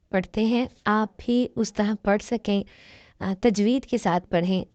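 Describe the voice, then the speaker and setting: A woman teaching Quran recitation with an Urdu accent, patiently explaining rules and sounding out each syllable slowly. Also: mid-range voice, dark tone, dry recording, lo-fi sound. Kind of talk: slow spelled-out lesson with drawn-out syllables.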